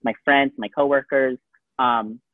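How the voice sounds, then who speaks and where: A man co-hosts a laid-back podcast chat, wandering through his thoughts with a steady stream of "like" and "um". His voice sits at an ordinary middle pitch. The sound is narrow and phone-like, with no room echo at all. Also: a little slow. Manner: rambling, heavy use of "like" and "um". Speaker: podcast co-host. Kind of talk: casual chat. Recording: tinny phone-like dry sound.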